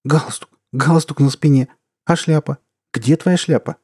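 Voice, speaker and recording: A man's voice: a little slow, dark tone, slightly rough, no room sound, studio quality. A man voicing a middle-aged wife who shrilly scolds her drunk husband. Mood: alarmed scolding. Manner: shrill exclaiming.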